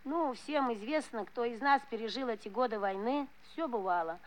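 A woman's voice: fairly high pitch, moderate pace, low-quality recording. A woman, a veteran factory worker, recalling her past in plain, earnest, unpolished speech. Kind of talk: personal spoken reminiscence.

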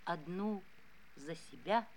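A woman narrating a scripted documentary gravely and expressively, letting phrases sink softly at the end. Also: lowish voice, animated, takes it slowly, slight background noise.

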